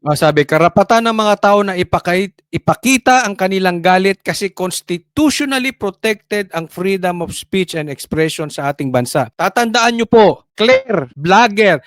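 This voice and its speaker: A man with a Filipino accent hosting political commentary, animated and mocking, talking straight to his viewers. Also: sits high, moderate pace, few pauses, no echo, clean studio sound.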